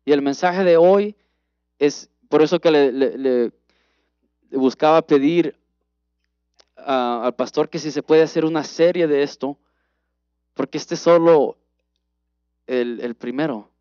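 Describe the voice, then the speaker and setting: A man preaching a personal testimony sermon in an earnest, halting way with many restarts. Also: fairly high pitch, dark tone, no echo. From United States. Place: church. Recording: dull, dry livestream audio.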